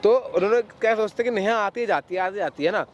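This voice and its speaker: A young man talks quickly in a high, light voice, lecturing a friend and repeating his points to persuade her. The talk is casual and everyday. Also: highs cut off. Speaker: YouTuber. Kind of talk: casual argument.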